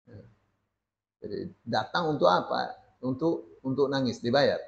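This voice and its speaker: Gravelly guy teaching hadith, keeps saying ya, dull lo-fi recording. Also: medium pitch, expressive, measured pace. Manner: frequent "ya" tags, reads Arabic text then explains. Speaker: Islamic teacher. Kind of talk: religious lesson on hadith.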